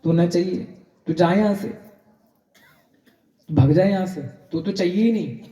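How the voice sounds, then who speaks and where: A gruff old hermit monk, as a male storyteller puts him on, curt and shooing in manner. The voice sits a little high yet sounds dark and soft-edged. It rings around an echoey room. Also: unhurried, recorded from a distance. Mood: brusque. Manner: brusque, shooing. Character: stern old male ascetic, gruff then devoted.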